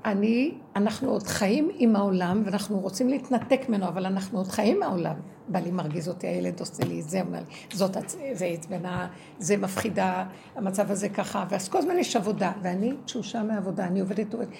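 A woman giving an impassioned spiritual testimony. She is emotional and swings from low murmurs to loud cries, acting out inner dialogue in quoted speech. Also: creaky, slight background noise. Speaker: speaker in a religious talk.

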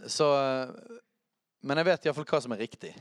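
A man preaching a charismatic sermon, chatty and self-correcting, who shouts out scripture. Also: mid-range voice.

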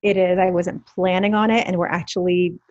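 A woman from Brooklyn with a New York accent, a podcast guest talking in a relaxed, friendly, rambling way. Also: lowish voice, brisk, no echo. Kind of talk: casual interview chat. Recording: dull, dry remote audio.

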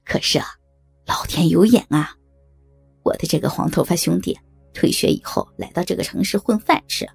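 A woman's voice: on the low side, sing-song, normal speed, gravelly, darkish tone, husky, faint music behind, full character voice. A woman voicing a cruel, vengeful young male thug who taunts with snickering laughs. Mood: taunting. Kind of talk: audio drama acting.

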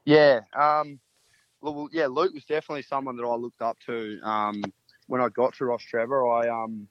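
A man's voice: medium pitch, fairly even intonation, normal speed, no room sound, muffled recording. A man in his early twenties from country Australia, with a laid-back, laconic Australian drawl, answering casually as a footballer in an interview. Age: early 20s.

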